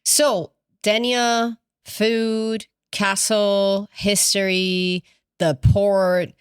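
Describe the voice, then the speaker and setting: A woman's voice: medium pitch, level tone, drawn-out words, clean tone, no room sound. Chatty woman podcast co-host, dry sound. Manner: chatty, laughs often, trails off mid-sentence. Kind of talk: casual travel chat.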